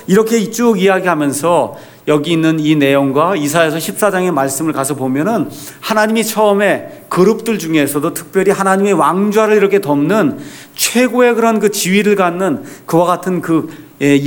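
A man preaching a Bible sermon, reading scripture slowly and questioning his listeners. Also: on the high side. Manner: asks the congregation questions and answers them; reads scripture slowly and deliberately. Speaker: pastor.

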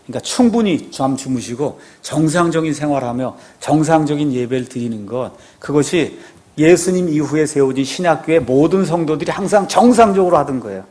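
A man's voice: a little high, lively intonation, brisk, few pauses, a little mellow. Man preaching with rhetorical questions. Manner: conversational preaching with rhetorical questions and frequent affirming "yes". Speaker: pastor. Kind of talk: sermon.

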